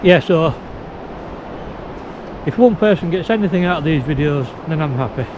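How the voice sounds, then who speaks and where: A man's voice: on the high side, lively intonation, normal speed. A man vlogging casually outdoors on a windy beach, his speech impeded by a sore mouth and new teeth, as if he has toothache. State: sore mouth, in pain after tooth extraction. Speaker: video blogger. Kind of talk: casual outdoor vlog, talking to camera. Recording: windy, noisy, muffled outdoor audio.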